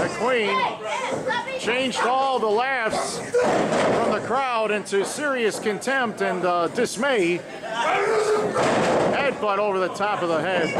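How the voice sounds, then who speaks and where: A man with a high-pitched voice works as a lucha libre announcer, calling the action in excited, dramatic play-by-play. A very loud, noisy arena crowd surrounds his voice throughout. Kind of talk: excited wrestling play-by-play commentary. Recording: loud crowd noise behind the voice. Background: noisy wrestling arena crowd.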